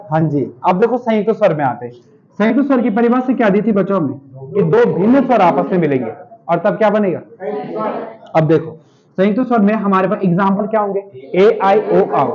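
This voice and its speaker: A male teacher giving a grammar lesson, firing questions at his students and answering them himself. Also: sits high. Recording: dull lo-fi classroom recording.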